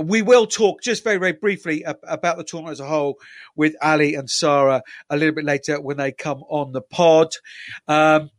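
Higher-pitched man hosting a sports podcast. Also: a bit bright, dry recording. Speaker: podcast host. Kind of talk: casual sports podcast presenting.

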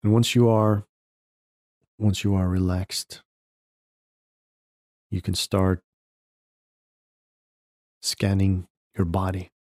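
Speaking slowly in a deep, mellow, level tone, a man hosting a podcast guides listeners through a meditation. Brief, soft instructions are spaced out by long silences. The recording is close and dry, without any echo or sense of a room.

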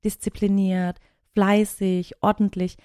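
A woman in her thirties, a podcast co-host, chatting casually and telling long stories in an animated way. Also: mid-range voice, takes it slowly, clear, resonant tone, no echo, studio quality. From Germany. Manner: animated storyteller, talks at length. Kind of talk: casual chat.

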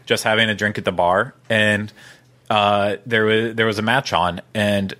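Male podcast host, lower voice, loose chatty delivery with fillers. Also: fairly even intonation, a little slow, sharp tone. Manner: rambling, chatty, many fillers. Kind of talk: casual podcast chat.

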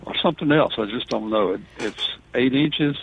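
A man, a veterinarian on a radio call-in show, with a gravelly, husky voice and a hesitant, casual way of asking things. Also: medium pitch, moderate pace, highs cut off, slight background noise. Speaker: veterinarian panelist on a radio phone-in.

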